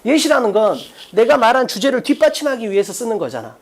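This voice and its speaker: Fast, lively Korean English tutor. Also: male voice, very high voice. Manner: blunt, casual, swears, asks students rhetorical questions; repeats key phrases often. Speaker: English teacher. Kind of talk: lecture.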